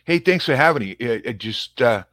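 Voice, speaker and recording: Speaking a little fast in an expressive, mid-range, slightly bright voice, this fifty-something cop from Massachusetts tells his life story in a thick Boston accent. He's a guest in a relaxed conversational interview, self-deprecating and rambling, captured in clean studio sound with no room tone.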